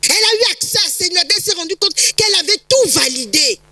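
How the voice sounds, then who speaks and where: A woman pastor preaching a sermon, emphatic, with repetitions and sudden rises to near shouts. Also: very high voice, expressive, brisk, no echo, low-quality recording.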